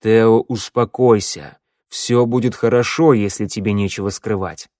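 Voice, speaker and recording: A man's voice: on the low side, steady tone, a little slow, a little mellow, no room sound, studio quality, close to an everyday voice. A man doing a stern, weary swordsman. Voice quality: stern, commanding. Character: stern, weary male swordsman, a calm leader.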